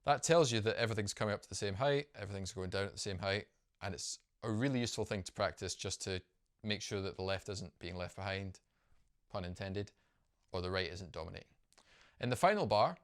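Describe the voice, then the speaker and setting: Drum teacher, man, lowish voice, friendly upbeat explainer who counts beats aloud. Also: fast talker. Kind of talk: instructional video lesson.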